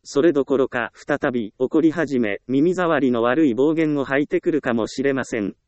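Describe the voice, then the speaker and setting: A man giving calm, scripted self-help narration in a steady, gentle and reassuring way. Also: medium pitch, moderate pace, dry recording, muffled recording.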